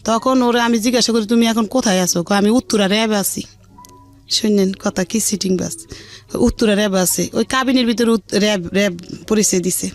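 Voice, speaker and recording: A middle-aged woman in colloquial Dhaka Bengali speaks fairly quickly in a mid-range voice, recounting her life on a radio show. She's earthy and unpolished, animatedly voicing what others said, while background music plays.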